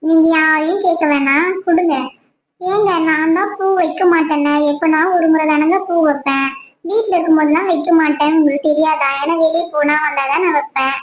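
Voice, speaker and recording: A woman's voice: high voice, fairly even intonation, brisk, a little hiss or hum, lightly acted. A woman playing a young wife in a home skit, teasing her husband and turning to sing-song wailing when upset. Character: young wife, teasing, quick to tearful complaint. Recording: echoey room.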